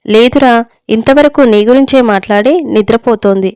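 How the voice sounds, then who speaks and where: A woman's voice: a little high, moderate pace, darkish tone, smooth, dry recording, natural voice. Woman reading as a wry retired father. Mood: relieved. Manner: dry, wry humor. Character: retired older father, wry and dryly joking. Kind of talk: storybook reading.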